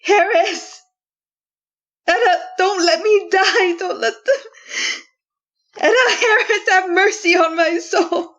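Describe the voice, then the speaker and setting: In a deliberate, theatrical retro radio-drama style, an actress voices a desperate, haunted prisoner condemned despite her innocence, recounting her story with terrified pleading. Her full character voice is extremely high-pitched and fairly bright, on lo-fi audio.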